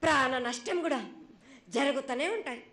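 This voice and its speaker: A woman with a Telangana Telugu accent speaking as an oracle in a prophetic trance voice, pronouncing as an angry mother goddess in halting, repetitive phrases. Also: high voice, fairly bright tone. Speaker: oracle at a temple festival. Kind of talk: oracular pronouncement. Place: festival ritual before an audience. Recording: echoey live festival sound.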